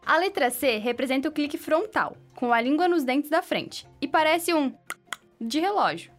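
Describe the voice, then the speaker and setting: A young woman with a Brazilian accent co-hosting a student radio show, reading a scripted segment in a playful, expressive way. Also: high voice, normal speed, faint music behind.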